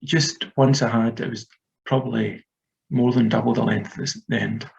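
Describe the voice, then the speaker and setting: A man's voice: medium pitch, fairly even intonation, moderate pace, creaky. A Scottish man in his thirties, an author talking through his writing in a hesitant, rambling way with many fillers. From Scotland. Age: 30s. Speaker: author being interviewed. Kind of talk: casual interview chat. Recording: dull lo-fi audio.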